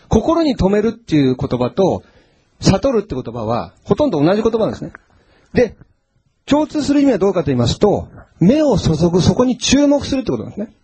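Lively husky pastor preaching. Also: male voice, high voice. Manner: animated storytelling, acts out Bible quotes. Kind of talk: sermon.

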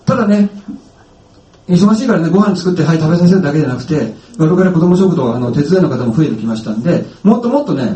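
Middle-aged pastor guy, chatty sermon, high lively voice, sounds far off in a roomy echo. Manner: chatty, animated, asks the audience questions. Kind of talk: casual sermon with film anecdote. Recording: echoey room, voice from a distance.

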